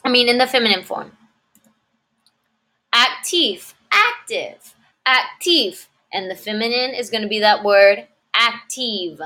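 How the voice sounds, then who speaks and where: A woman teaching French adjectives, saying each word slowly and repeating it, then explaining in English. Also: a little high, lively intonation, pushed and bright. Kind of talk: slow, clearly enunciated language lesson.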